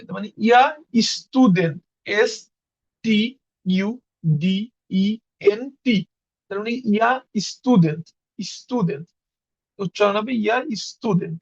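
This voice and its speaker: A man's voice: sits high, a bit bright, no echo, lo-fi sound. Man, young adult, from Bangladesh, online language teacher, patient letter-by-letter explaining, dry close sound. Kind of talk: online class lesson.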